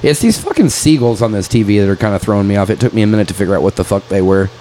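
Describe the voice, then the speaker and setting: A man's voice: fairly low pitch, expressive, very fast, warm tone, a little hiss or hum, poor audio. A man in his late thirties, co-hosting a casual podcast, swearing a lot and calling everyone dude. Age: 30s. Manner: profane, calls everyone dude, venting frustration. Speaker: podcast co-host. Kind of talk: casual chat.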